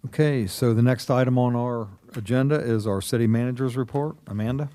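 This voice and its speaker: A man chairs a city council meeting with a mellow, dark-toned voice. He keeps his remarks brief and procedural, calling items and votes. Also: mid-range voice, brisk, dry recording.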